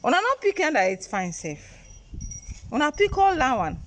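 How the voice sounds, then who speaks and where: A woman with a Sierra Leonean Krio accent speaks in a high, very animated voice. She talks casually as a mother hosting a home vlog, giving short, repeated instructions. The outdoor recording carries slight noise. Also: moderate pace. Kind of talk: casual chat, coaxing children and showing the garden. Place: small home garden, outdoors.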